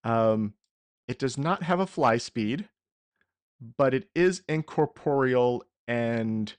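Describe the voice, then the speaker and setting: A man running a tabletop game as game master, making deliberate rulings and correcting himself as he goes. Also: medium pitch, no room sound.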